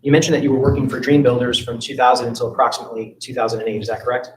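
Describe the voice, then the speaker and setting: Lawyer guy grilling a witness fast and steady, echoey courtroom mic a bit far off. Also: medium pitch, a little hiss or hum. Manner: brisk, methodical questioning. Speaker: attorney. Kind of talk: courtroom examination. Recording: roomy courtroom audio from afar.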